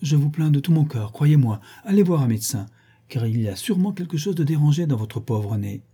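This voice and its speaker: A man voicing an effusive, teasing French theatre director in a storybook reading, pitched above his narrating voice. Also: lively intonation, a little fast, dark tone, husky. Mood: jovial. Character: jovial, talkative middle-aged French theatre director.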